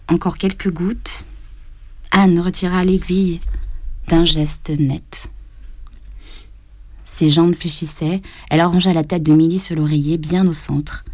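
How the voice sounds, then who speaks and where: Low, mellow woman reading a novel. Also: no echo. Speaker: audiobook reader.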